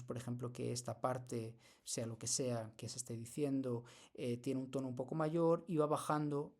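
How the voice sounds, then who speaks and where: In a screen-recorded software tutorial, a man with a medium-pitched, gravelly voice lectures step by step, often hesitating and starting over.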